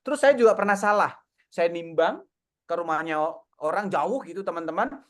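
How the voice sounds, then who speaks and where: A man, coaching an audience in a casual online Q&A and telling lively stories. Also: high voice, normal speed. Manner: lively, encouraging, tells stories with acted quotes. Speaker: coach answering audience questions. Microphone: video call.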